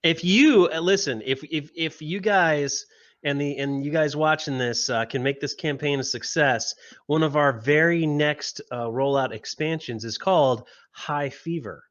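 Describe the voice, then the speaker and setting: A man on a headset, a game designer being interviewed, pitching his game enthusiastically with frequent restarts. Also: a little slow, a bit bright, lo-fi sound. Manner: enthusiastic, restarts sentences often. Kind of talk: podcast interview.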